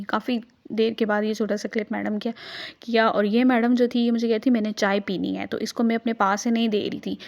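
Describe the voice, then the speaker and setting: A young woman narrates a casual home vlog in a chatty, easygoing way. She slips English words into her everyday talk. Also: mid-range voice. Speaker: vlogger.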